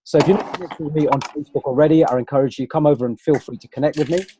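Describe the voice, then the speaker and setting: A webinar host speaks straight to online viewers through a computer microphone, keeping things casual and conversational. His voice is on the high side and rapid-fire, with a noisy background.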